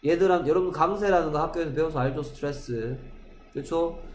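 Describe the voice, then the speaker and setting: A man's voice: fairly high pitch, a little fast, slight background noise. A Korean-speaking man teaching middle school English in a classroom, drilling pronunciation and often checking that students follow. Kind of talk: classroom lecture. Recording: echoey classroom.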